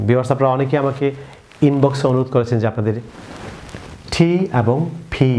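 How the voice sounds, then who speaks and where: A man's voice: mid-range voice, mellow. A man with a Bengali accent teaching English pronunciation, drilling words one by one and having viewers repeat after him, over faint background noise. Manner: addresses viewers again and again. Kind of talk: YouTube language lesson.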